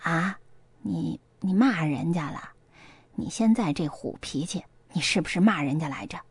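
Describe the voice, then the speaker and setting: A nosy, warm-hearted middle-aged mother, put on by a woman reading the story, talking in homely, colloquial turns. The voice swings lively up and down in a dry, close sound. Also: a little high, moderate pace, no room sound. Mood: coaxing.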